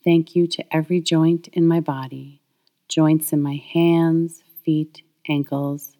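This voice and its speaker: A woman reading a guided healing meditation, speaking slowly and softly in soothing affirmations. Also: sits low, fairly even intonation. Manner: slow, soft, soothing affirmations.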